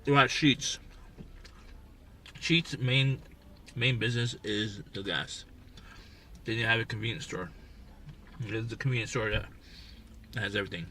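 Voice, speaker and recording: A man's voice: lowish voice, unhurried, pauses often, sharp tone. A man hosting a casual live stream, chatting offhand with viewers and talking with his mouth full. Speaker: livestream host. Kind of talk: casual live-stream chat while eating. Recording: distant mic with faint background noise.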